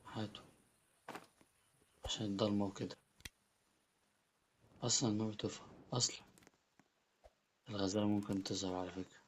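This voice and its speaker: A man with an Egyptian Arabic accent giving excitable Let's Play commentary as a gaming YouTuber, often repeating his words. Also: lowish voice, a little fast, long pauses, a little hiss or hum.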